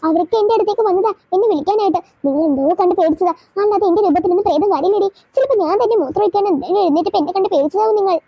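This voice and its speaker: A woman voicing a brisk older sister in a cartoon who scolds and brushes off fears. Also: very high voice, no room sound, highs cut off. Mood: scolding. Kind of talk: cartoon voice acting.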